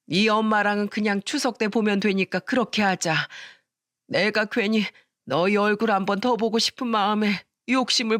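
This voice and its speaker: A woman voicing an old mother-in-law who speaks softly, sighing and blaming herself. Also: medium pitch, no room sound, studio quality, natural voice. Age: older. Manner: soft, sighing, apologetic.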